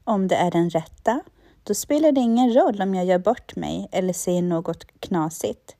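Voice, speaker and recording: Woman, guided affirmations, slow and calm, mellow warm tone, dry close sound. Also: medium pitch, no room sound. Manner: slow, calm, repeats lines for the listener.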